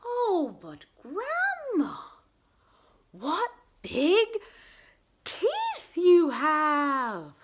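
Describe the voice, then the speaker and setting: A woman voicing an innocent little girl in a children's story, speaking with sing-song, drawn-out wonder. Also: very high-pitched, wildly swooping pitch, slight background noise, pitched above the performer's own voice, heavily acted. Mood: wondering, uneasy.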